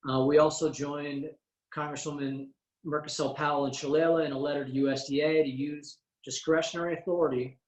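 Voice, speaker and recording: A man, a congressman, briefing constituents over a conference call in a measured way, pausing often on "uh" and going through items one by one. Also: a little high. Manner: measured, frequent "uh" fillers, lists items one by one. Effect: heard over a conference call line. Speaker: congressman hosting a teleconference. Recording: roomy echo on a conference call.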